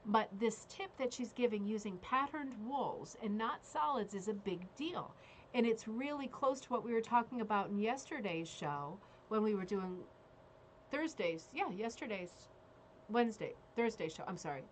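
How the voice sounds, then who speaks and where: On a casual live craft show, a woman calls bingo in an animated, slightly high voice at a moderate pace. Between frequent check-ins she reads out descriptions and details, over background noise that is plainly audible.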